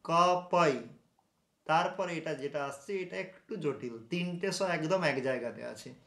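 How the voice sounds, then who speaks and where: A man teaching Sanskrit grammar in an online lesson, who recites each sound slowly and answers his own questions. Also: a little high, gravelly, echoey room.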